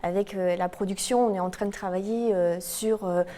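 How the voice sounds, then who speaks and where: A woman from New Caledonia talks as a guest on a studio talk show. She is earnest and speaks with many hesitant fillers, in a middle-pitched voice. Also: steady tone, moderate pace, mellow. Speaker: beauty pageant committee member.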